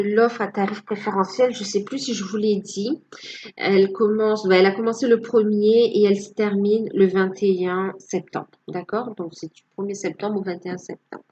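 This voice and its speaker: A woman's voice: mid-range voice, warm tone, muffled recording, slight background noise. A woman giving a casual tarot reading to her viewers, hesitant and full of fillers. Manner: hesitant, many fillers, tags with "hein". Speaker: tarot card reader.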